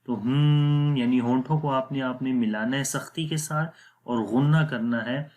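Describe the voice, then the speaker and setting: A man's voice: mid-range voice, steady tone, darkish tone. A man teaching Quran reading rules, explaining each step patiently and repeating them plainly. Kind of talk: step-by-step tajweed lesson.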